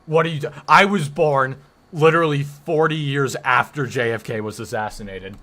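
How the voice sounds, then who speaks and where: At twenty, this livestream host has a deep voice with a sharp tone and a moderate pace. He answers his chat casually, rambling through joking banter and playing up a mock defensiveness.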